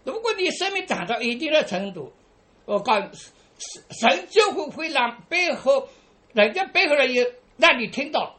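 A woman preaching a sermon to her congregation, padding phrases with drawn-out "ah" fillers and asking listeners rhetorical questions. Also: high-pitched, big pitch swings, a bit bright.

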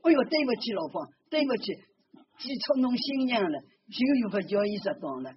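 A woman's voice: medium pitch, sing-song, fairly quick. Brief: older woman with a Ningbo accent, fervent church testimony, lo-fi recording. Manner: fervent, repeats praise phrases. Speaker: church member giving testimony. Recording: dull lo-fi recording.

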